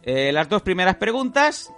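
A man telling an animated story in casual chat, acting out the people he quotes and swearing freely. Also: high-pitched, normal speed, soft background music. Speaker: guest storyteller.

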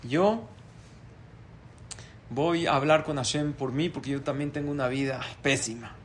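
A man's voice: medium pitch, a little slow, a little hiss or hum, lightly acted. A man voicing a weary, sad man who pleads with God in a parable. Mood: earnest. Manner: earnest, pleading storybook voice.

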